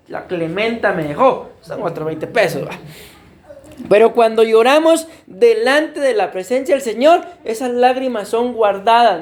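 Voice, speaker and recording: High-voiced pastor preaching. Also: male voice, darkish tone. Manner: keeps calling out "my beloved brothers", asks the congregation questions. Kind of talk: sermon. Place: church.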